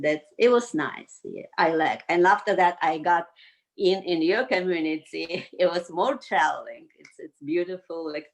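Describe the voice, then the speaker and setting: Mature woman, Azerbaijani accent, low pitch, unhurried pace, halting non-native English, casual interview answers. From Baku, Azerbaijan. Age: 50s or older. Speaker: interview guest, yoga community member.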